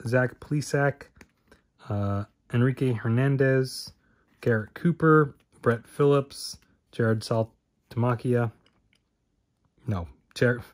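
Rambling man opening trading cards. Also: medium pitch. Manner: rambling, self-correcting, talks to himself while listing names. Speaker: card-opening channel host. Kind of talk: casual card-opening commentary.

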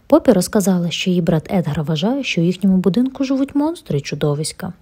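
A woman reading a children's bedtime story aloud in a gentle, expressive way, with a breathy voice. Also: lowish voice, fast.

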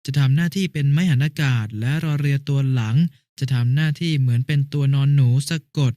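A man playing a patient, mellow big brother. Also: mid-range voice, a little fast, no echo, studio quality, close to an everyday voice. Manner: patient, explaining step by step. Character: patient, helpful older brother. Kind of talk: educational cartoon dialogue.

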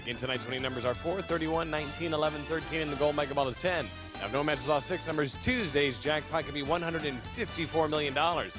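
A man's voice: on the high side, fast talker. A middle-aged man hosting a lottery draw, announcing numbers in a scripted, upbeat showman style. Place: TV studio. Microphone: handheld microphone. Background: music.

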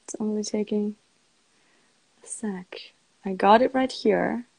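A woman's voice: medium pitch, takes it slowly, vocal fry, a little mellow, low-quality recording. A woman hosting a live-stream interview, chatty and giggly, with many fillers. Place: indoors, on a live video stream.

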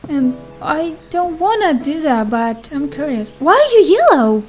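A woman doing playful let's play commentary, excitable and given to exclaiming, reading game dialogue aloud. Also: sits high, a little slow. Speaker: gamer playing and commenting. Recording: game music behind the voice. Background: game music.

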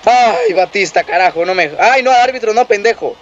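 Comentarista joven, exaltado y malhablado, voz un poco alta. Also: male voice, high-pitched, normal speed. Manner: excitable, profane, yelling at the game. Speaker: gameplay commentator. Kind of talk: casual gameplay commentary. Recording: lo-fi muffled recording.

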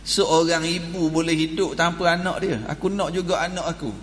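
A man's voice: fairly high pitch, flat delivery, normal speed, fairly bright tone, a little hiss or hum, natural voice. A preacher voicing a grieving young mother. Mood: pleading. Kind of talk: storytelling in a sermon. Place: mosque. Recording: echoey mosque hall, faint ambience.

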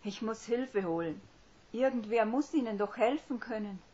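A woman voicing an earnest, tearful young witch who speaks in an urgent, hushed and choked way. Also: fairly low pitch, fairly even intonation, normal speed, pitched above the performer's own voice, close to an everyday voice. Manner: earnest, by turns hushed and fervent. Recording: dull lo-fi recording.

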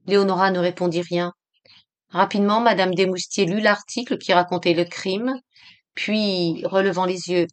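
A woman narrating a literary novel as an audiobook, with a measured, expressive reading. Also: fairly low pitch.

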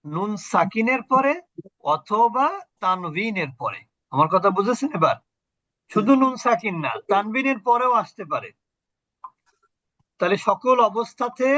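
Male Quran recitation teacher, patient, quizzes students; high voice, dry, dull audio. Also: bright, forceful tone, dry recording. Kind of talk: online tajweed lesson.

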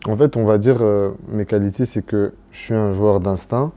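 A young footballer from Cameroon who grew up in Belgium answers interview questions hesitantly, with lots of fillers and restarts. His voice is lowish and dark, with a steady tone at a normal pace.

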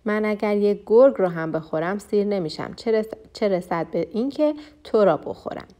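A woman's voice: mid-range voice, dark tone, close to an everyday voice. Woman doing a big good-natured storybook lion. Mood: amused, generous. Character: big amused male lion, generous host of the forest.

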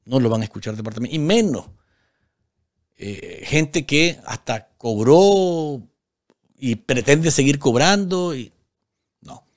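This is a man in his forties with a Nicaraguan accent, speaking slowly and expressively at medium pitch, leaving long pauses. He hosts emphatic live political commentary at a desk in a small indoor studio, repeating himself and asking rhetorical questions into a studio mic.

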